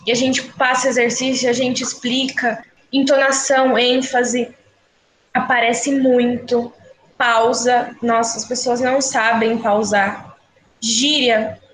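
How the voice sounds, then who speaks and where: A woman with a high, bright-pitched voice that rings out in an echoey room. She answers in a lively, exclamatory way, in the manner of a relaxed interview guest. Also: a little hiss or hum. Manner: animated, exclamatory. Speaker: student speech therapist, guest.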